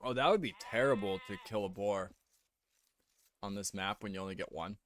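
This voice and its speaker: A man giving casual live-stream commentary on a strategy game, relaxed and thinking aloud as he goes. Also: fairly low pitch, normal speed. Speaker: game caster.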